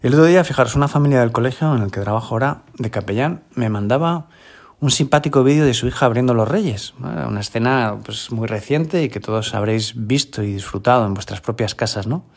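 Spanish chaplain giving a chatty homily. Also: male voice, medium pitch, brisk. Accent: Peninsular Spanish. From Spain. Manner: conversational, often adds a questioning tag at the end. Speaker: school chaplain and priest.

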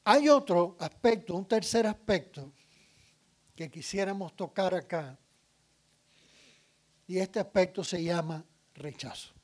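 A man's voice: high voice, animated. A man giving a public talk on parenting, asking the audience questions and listing points one by one. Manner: deliberate, lists items one by one; asks the audience questions and answers them. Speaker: speaker addressing an audience.

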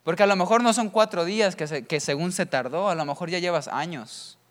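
A man's voice: high voice, fairly quick, a bit bright. A man preaching a sermon full of humorous stories, chatty and always checking in with the listener. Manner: chatty, keeps asking ¿verdad?.

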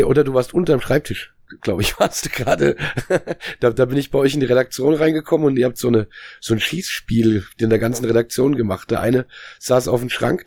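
Gravelly man in his late forties. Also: mid-range voice, darkish tone, no room sound, clean studio sound. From Germany. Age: 40s. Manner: rambling, many restarts and fillers. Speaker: podcast guest. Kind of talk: casual chat.

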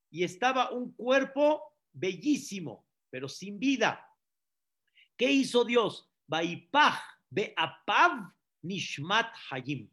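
A rabbi preaching a sermon, repeating phrases and asking the listeners questions. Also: male voice, sits high, fairly bright tone. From Mexico. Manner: preaching with repetitions and rhetorical questions.

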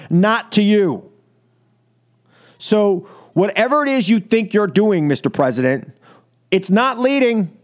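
On his political radio show, a high-voiced American host lectures in an emphatic, scolding monologue. He hammers his points home with short phrases, repeating them for emphasis.

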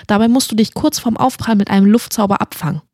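A woman's voice: medium pitch, fairly even intonation, fast talker, darkish tone, no room sound, studio quality, natural voice. A woman voicing a studious, earnest young witch who lectures her companion in a fantasy audiobook. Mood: urgent. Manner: instructive, lecturing.

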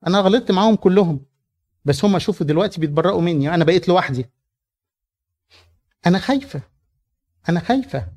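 Man voicing a frightened penitent woman, pleading, Egyptian accent, quick. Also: high-pitched, expressive, darkish tone. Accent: Egyptian Arabic. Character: repentant frightened sinful woman.

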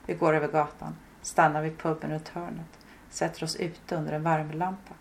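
A woman's voice: low-pitched, level tone, gravelly, a little hiss or hum. A woman narrating a story chapter in short, terse present-tense fragments. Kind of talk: audiobook narration.

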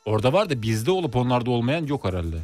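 A man's voice: mid-range voice, very animated, fast, darkish tone, dry recording, soft background music. A man co-hosting a radio show, giving short, easygoing replies in casual banter. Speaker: radio co-host.

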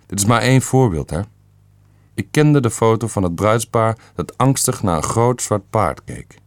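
A man reads a family story aloud in a calm and measured way. His voice is very low and deep, recorded close and completely dry. The delivery is even and unhurried. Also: no echo. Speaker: narrator. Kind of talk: scripted narration of a family story.

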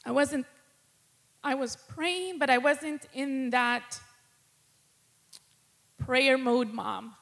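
Speaking from the pulpit as a guest preacher, this middle-aged woman shares an honest personal testimony, nervously laughing between ideas. Her voice sits high and a bit bright, and her delivery is very slow and creaky, with frequent pauses.

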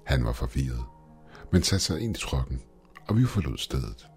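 A man with an extremely deep, low voice narrates a first-person horror story. His telling is scripted and tense. Faint music sits under his voice. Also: sing-song, darkish tone.

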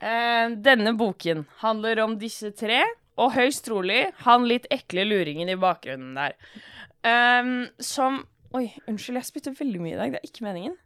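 Young norwegian woman, sarcastic, mock-outraged, laughs a lot, voice a bit high, dry close sound. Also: expressive, a bit bright, clean tone, no echo. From Norway. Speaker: manga club member presenting a book. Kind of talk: joking casual chat.

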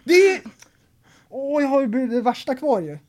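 A man's voice: very high-pitched, noisy background. Man, poddvärd, livlig och skrattig, stor tonvariation. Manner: animated, laughing, exclaiming. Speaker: podcast co-host. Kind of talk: casual chat.

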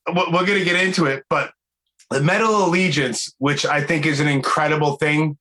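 A man in his forties with a Brooklyn accent, hosting a podcast interview in an excitable, slangy, casual way. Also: fairly high pitch, moderate pace, poor audio. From Brooklyn, New York. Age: 40s. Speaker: podcast host.

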